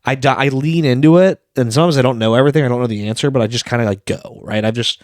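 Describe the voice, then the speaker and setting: A man's voice: medium pitch, rapid-fire, a little mellow, no echo, clean studio sound. A man co-hosting a casual business podcast, talking in a rambling way with many restarts and fillers. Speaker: podcast co-host.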